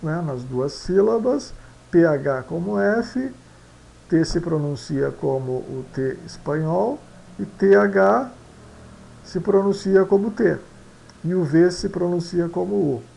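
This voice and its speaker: A man explaining Latin pronunciation slowly and repetitively, mixing in Spanish phrases and often asking "né?". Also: fairly high pitch, vocal fry, warm tone, rough recording. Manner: slow, repetitive, tag questions after each point; mixes Spanish phrases into Portuguese. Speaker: language teacher.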